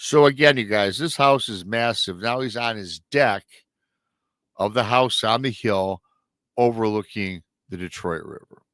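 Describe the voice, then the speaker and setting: Hosting a live paranormal show, a middle-aged man tells of a strange encounter in a chatty way, with asides to his viewers. He sounds nasal and slightly scratchy from an illness that hasn't cleared. His lowish, fairly bright voice moves unhurriedly on a dry recording.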